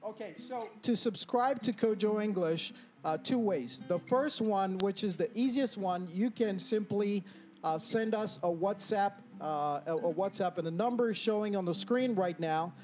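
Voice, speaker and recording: A man's voice: high-pitched, unhurried. A man, an English coach explaining confidently on a talk show, with many hesitations. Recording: TV studio with music playing behind.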